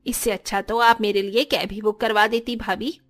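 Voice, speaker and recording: A woman voicing a scheming aunt-in-law in a dubbed cartoon, with a sly, sharp-tongued manner. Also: medium pitch, fairly even intonation, normal speed, soft background music, close to an everyday voice. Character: scheming meddling aunt-in-law stirring up family fights. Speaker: voice actor.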